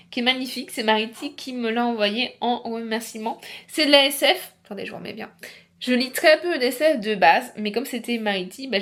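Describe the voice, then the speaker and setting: A chatty young woman with a slightly high voice, rambling casually to camera in a book vlog. She talks loosely, with lots of fillers and restarts. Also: a bit bright. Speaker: book vlogger.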